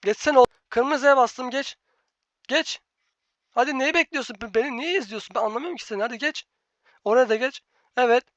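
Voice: high-pitched, a little fast, pauses often, fairly bright tone. A gaming channel host talks through live gameplay, bossing a teammate around and repeating the same instructions with growing exasperation. The recording is dull and lo-fi, with a dry, close sound and no room echo.

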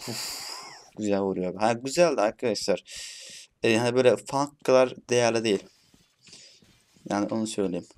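A man's voice: fairly low pitch, a little fast, pauses often. A young man giving casual gameplay commentary, chatty and cursing playfully at the bots. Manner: chatty, swears playfully at bots, shouts when frustrated. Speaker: gaming YouTuber.

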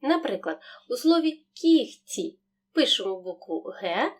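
A woman teacher explaining pronunciation rules, saying each example word slowly and clearly. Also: medium pitch, sing-song, a little mellow. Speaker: Ukrainian language teacher. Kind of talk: scripted video lesson.

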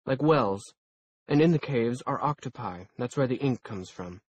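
A man reading an audiobook voices a brisk, bossy adult woman who lectures her young apprentice, raising his voice higher and louder for her. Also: expressive, husky, no room sound, highs cut off. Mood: lecturing. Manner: curt, lecturing, commanding.

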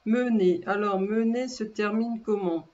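A woman teacher giving a dictation lesson, speaking slowly and carefully, repeating and spelling words aloud. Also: medium pitch, darkish tone, dull audio.

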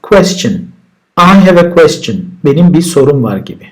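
Male teacher, slightly higher voice, repeats each word and then explains it calmly. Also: normal speed. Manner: relaxed explaining, with repeated words and translations. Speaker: English teacher. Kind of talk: vocabulary lesson.

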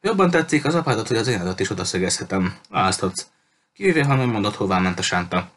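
A man's voice: fairly low pitch, lively intonation, a bit bright, a little hiss or hum. A man reading a cruel pirate captain in an audiobook, threatening and mocking in a coldly polite way. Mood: menacing. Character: cruel menacing male pirate captain, adult.

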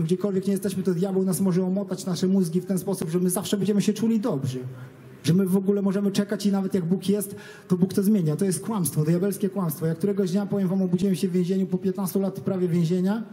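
Man, religious testimony, earnest and halting, quick pace, very dark tone. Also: high voice. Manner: earnest, halting, with many restarts and fillers. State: nervous, stage fright. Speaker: person giving a religious testimony. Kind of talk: spoken personal testimony to an audience.

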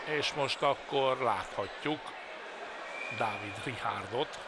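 Excited Hungarian man commentating over loud hall noise. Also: mid-range voice. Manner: excited Hungarian sports commentary, exclamatory at goals. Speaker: sports commentator. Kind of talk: live futsal match commentary. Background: indoor sports hall ambience, bouncing ball.

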